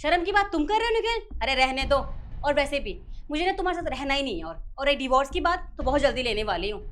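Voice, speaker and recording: A woman playing a scheming wife of the house who scolds and accuses in a sharp, demanding way. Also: sits high, expressive, fast talker. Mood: cold. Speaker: lady of the house.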